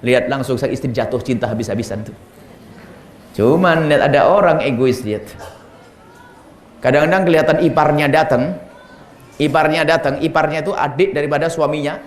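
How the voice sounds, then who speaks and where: Pendakwah pria bersuara tinggi, ruangan bergema. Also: male voice, on the high side, a little fast, pauses often, reverberant. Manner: animated, acts out dialogues between husband and wife. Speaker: preacher. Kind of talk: sermon answering questions.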